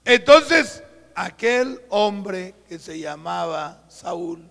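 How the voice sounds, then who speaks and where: A Colombian man preaching as a pastor, telling a story with acted-out dialogue and dropping to a hush for quoted voices. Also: high voice, moderate pace, gravelly. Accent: Colombian Spanish. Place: church. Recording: live church recording, long hall reverb.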